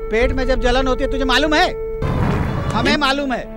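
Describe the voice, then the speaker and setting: An actor in a dubbed film playing a defiant man who scolds the police with a forceful lecture. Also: extremely high pitch, steady tone, moderate pace, over music.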